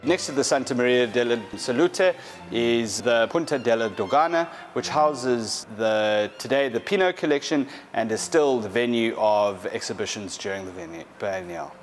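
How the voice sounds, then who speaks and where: A man's voice: mid-range voice, soft background music. Man presenting artworks in a gallery. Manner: measured, explanatory, with frequent fillers and restarts. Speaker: art specialist. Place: large gallery hall, indoors.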